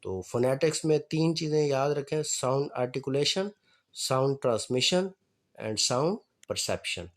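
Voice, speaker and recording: A man with a Pakistani accent giving a phonetics lecture, repeating key terms, quizzing his listeners and reading English definitions slowly. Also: mid-range voice. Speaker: teacher.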